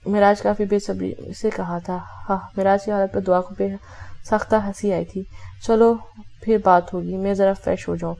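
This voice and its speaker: Woman narrator, novel reading, mellow warm tone, voices all characters herself. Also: mid-range voice, flat delivery, gravelly. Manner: reads all characters in her own voice, with small self-corrections. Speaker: audiobook narrator.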